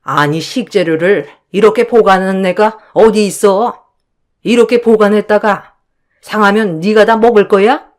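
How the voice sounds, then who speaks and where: A woman's voice: mid-range voice, moderate pace, lightly acted. A woman voicing a harsh, scolding older mother-in-law in a dramatized story. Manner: scolding, contemptuous.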